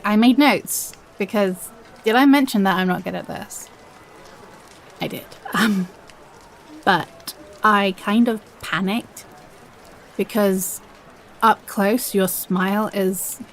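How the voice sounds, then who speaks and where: Shy, halting, nervous young woman, acted out. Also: mid-range voice. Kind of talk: audio role-play, one-sided confession. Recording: faint background noise.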